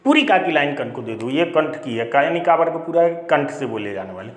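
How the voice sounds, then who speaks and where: A man's voice: fairly high pitch, big pitch swings, brisk, reverberant. A male Hindi teacher giving a classroom grammar lecture, explaining step by step and asking and answering his own questions. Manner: explanatory, repeats key points, asks and answers own questions.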